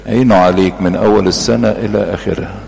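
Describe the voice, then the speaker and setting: A man with an Egyptian Arabic accent preaches in a very low voice, earnest and emphatic. He builds his points by repeating short phrases. The sermon rings with long hall reverb over a faint background hum. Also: fairly even intonation, quick pace, gravelly, darkish tone.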